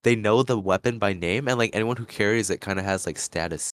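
Deep-voiced enthusiastic man. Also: brisk, no room sound, clean studio sound. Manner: enthusiastic, filler-heavy. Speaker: podcast co-host. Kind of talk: casual chat.

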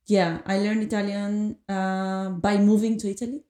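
A Greek woman, a native Greek speaker, joins a podcast as a guest for a reflective conversation. Her mellow, medium-pitched voice has little pitch movement, and she speaks thoughtfully and hesitantly with many pauses and fillers. The room is echoey.

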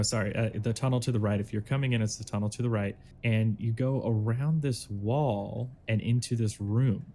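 A man runs a tabletop adventure as dungeon master, narrating casually with plenty of ums and likes. His voice sits a little low. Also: darkish tone, slight background noise.

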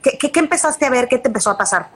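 A woman's voice: high voice, animated, very fast, a bit bright, slight background noise. A woman with a Mexican accent hosting an interview, asking long run-on questions in a conversational way. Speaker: interview host.

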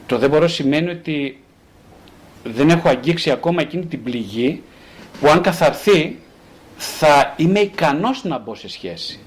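A male psychotherapist talking casually about relationships, rhetorical and animated, acting out the voices he quotes. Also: a little high.

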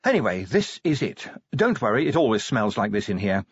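A man voicing a young woman sergeant who is a werewolf, talking bluntly and briskly in an audiobook reading. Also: fairly low pitch, very animated, husky, dry recording. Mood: brusque. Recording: dry, slightly dull audiobook recording.

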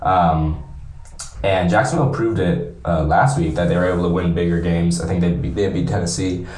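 A man's voice: sits low, fairly even intonation, normal speed, darkish tone. A man co-hosting a casual sports podcast, recorded in a small, echoey, bathroom-like room. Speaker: podcast co-host.

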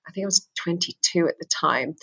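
On a rough recording, a middle-aged English-born woman speaks briskly in a lowish, creaky, slightly rough voice with a bit of brightness. She's a guest in a conversational interview, candid and earnest, often repeating words at the start of a thought.

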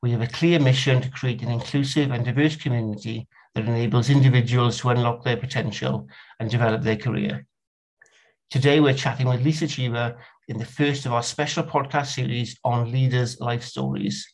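A man in the United Kingdom hosting a podcast interview, talking in a halting way with lots of ums and repeated words. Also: medium pitch, fairly even intonation. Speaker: podcast host. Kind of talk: conversational interview.

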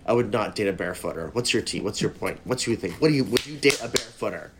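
A man's voice: lowish voice, expressive, fast talker, noisy background. A man co-hosting a podcast in casual chat, blunt, opinionated and freely profane. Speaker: podcast co-host.

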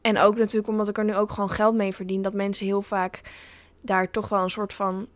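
A woman's voice: medium pitch, level tone, brisk, dry recording. A woman in her twenties, a podcast co-host and influencer, talking openly and earnestly in casual chat. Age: 20s. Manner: open, earnest, self-reflective.

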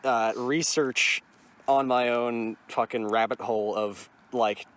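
Male podcast co-host, medium pitch, casual, halting, sweary delivery. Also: fairly even intonation, fairly bright tone.

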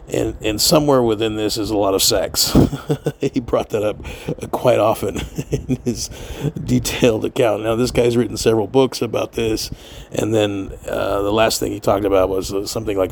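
Middle-aged guy rambling on his podcast, low gravelly voice, cusses a lot, faint hum behind. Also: a little mellow. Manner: profane, digressive, laughs often. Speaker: podcast host. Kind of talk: casual rambling monologue.

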